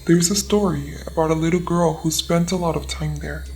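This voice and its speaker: A man playing a supervisor recounting a local ghost legend in a scripted story, with a gravelly voice. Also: fairly high pitch, steady tone, fairly quick, darkish tone, a little hiss or hum, lightly acted.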